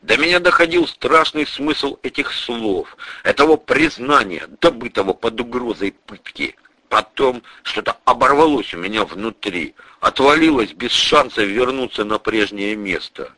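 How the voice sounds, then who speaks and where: A man narrating a dark first-person audiobook with grim, intense storytelling. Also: medium pitch, animated, measured pace, dry recording, rough recording.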